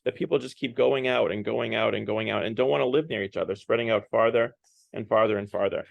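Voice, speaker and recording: Man, gravelly voice, dry close sound, casual Lenten church talk, conversational. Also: on the low side, fast talker, no echo, dull audio. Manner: conversational, often adds "right?" and "like". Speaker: parish speaker leading a Lent series.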